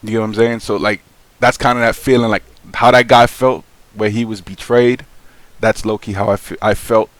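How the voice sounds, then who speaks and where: A man's voice: on the low side, level tone, moderate pace, dry recording. A young man talking casually to the camera in a loose, slangy way, full of fillers and restarts, frankly airing a grievance. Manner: aggrieved, frank venting. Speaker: vlogger. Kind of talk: casual vlog monologue.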